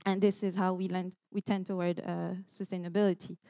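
This young keynote speaker from Montreal, Canada, talks a little fast in a fairly low, mellow voice with flat delivery. Her Quebec French accent comes through in an earnest conference talk full of ums and restarts, captured on a headset mic in a large lecture hall.

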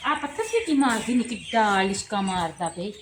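A woman's voice: medium pitch, expressive, normal speed, natural voice. A woman playing a chatty, nosy village neighbour in a comedy skit, with a Punjabi accent and a prying, nagging way of talking. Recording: echoey, noisy home video sound.

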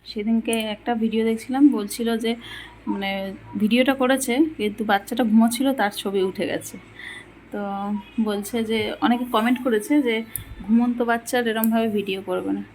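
Higher-pitched woman coaxing at home. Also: fairly even intonation, fairly quick, slight background noise. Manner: coaxing, repetitive urging while feeding a child; talks quietly on purpose. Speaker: vlogger and mother. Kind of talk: casual home vlog.

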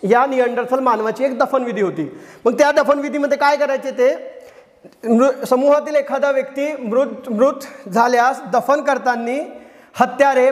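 Marathi-accented guy teaching, asks a question then answers it himself, lots of tag questions, very high voice. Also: big-room sound. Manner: asks questions and answers them, repeats key words; often adds a tag question. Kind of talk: classroom lecture.

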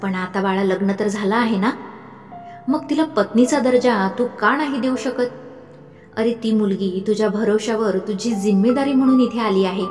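A woman's voice: mid-range voice, moderate pace, a little mellow, lightly acted. Woman voicing a fond, insistent mother figure. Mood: pleading. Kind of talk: audiobook narration. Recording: echoey room with faint music.

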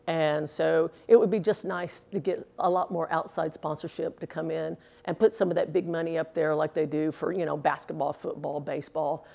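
Speaking at a normal speed with few pauses, a former pro bowler in her sixties has a low-pitched, creaky, mellow voice and a steady tone. She gives earnest, casual interview answers with filler words, recorded on a lapel mic indoors in a bowling alley.

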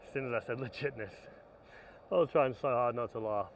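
A man's voice: medium pitch, fairly quick. Tired man muttering at a skate spot. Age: 30s. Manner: self-coaching, muttering between attempts. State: tired and worn out. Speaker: skateboarder vlogger. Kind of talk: casual self-talk while filming. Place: outdoors at a skate spot in strong sun. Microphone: camera mic set up at a distance. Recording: distant camera audio with outdoor noise.

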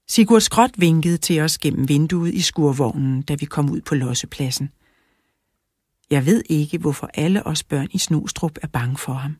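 A woman narrating a children's audiobook in a clear, even storytelling manner, close to the mic. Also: low voice, dry recording. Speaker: audiobook reader.

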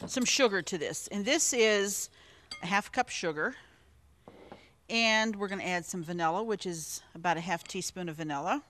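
A woman's voice: mid-range voice, a bit bright. Woman, TV cooking host, friendly and chatty, walks viewers through each step while she cooks. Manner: chatty and encouraging, talks straight to viewers. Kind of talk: TV cooking demonstration.

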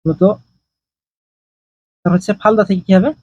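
The dry, slightly dull recording captures a male language teacher speaking at a moderate pace in a high, dark, mildly husky voice. He answers his own questions as he explains grammar one step at a time.

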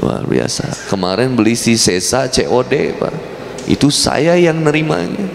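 A man's voice: mid-range voice, sing-song, normal speed, creaky, background noise. A male preacher giving a humorous sermon, joking with the congregation and acting out little dialogues. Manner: jokey, addresses audience as Pak, acts out quotes. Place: mosque hall. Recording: echoey mosque hall, faint ambience.

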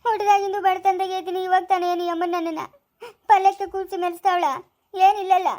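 A woman's voice: extremely high pitch, little pitch movement, fast talker, warm tone. A woman playing a stubborn village woman. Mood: determined. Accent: rural Kannada of the Chikkaballapura area. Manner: stubborn, emphatic. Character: poor, stubborn village woman set on raising a baby. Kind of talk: amateur family drama acting.

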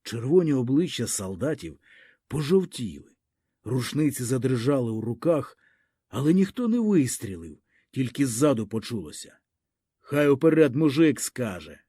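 A man narrating a short story as an audiobook, in an expressive storytelling way. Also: medium pitch, normal speed, breathy edge, no room sound.

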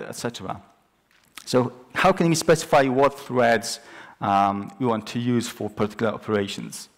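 A young man presenting a technical talk on a large conference stage, explaining step by step with frequent ums and restarts. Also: mid-range voice. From Poland. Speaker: conference speaker.

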